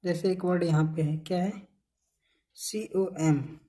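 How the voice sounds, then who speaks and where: A woman's voice: fairly low pitch, fairly even intonation, mellow. A woman with a Hindi accent teaching an English phonics lesson, asking questions and answering them herself as she drills each word. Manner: repeats questions and answers, drills words slowly.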